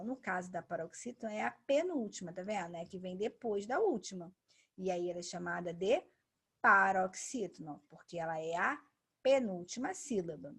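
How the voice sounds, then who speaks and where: A woman teacher giving a patient grammar lesson, saying example words slowly and twice. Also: medium pitch, husky. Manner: patient, says each example word twice.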